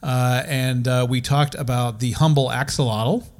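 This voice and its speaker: A man's voice: mid-range voice, fairly even intonation, a little slow. Rambling, playful man hosting a podcast. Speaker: podcast host. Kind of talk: casual comedic chat.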